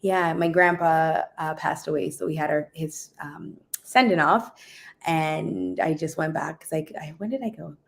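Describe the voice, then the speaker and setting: A woman from Jamaica, a guest DJ, chatting casually in an interview, relaxed and laughing often, trailing off with ums. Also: deep voice, a little slow, gravelly.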